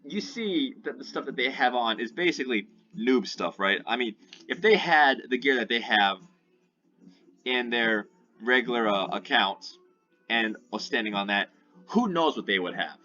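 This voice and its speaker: Bright-voiced man talking through a game. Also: medium pitch, animated, moderate pace. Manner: rambling, keeps asking "right?". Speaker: gaming YouTuber. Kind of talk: gameplay commentary. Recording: dull lo-fi sound with faint music.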